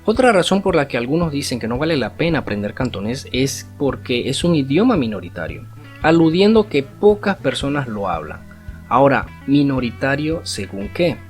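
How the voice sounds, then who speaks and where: A man teaching an online language lesson in an explanatory way, often checking in with rhetorical tag questions. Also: medium pitch. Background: faint guitar music.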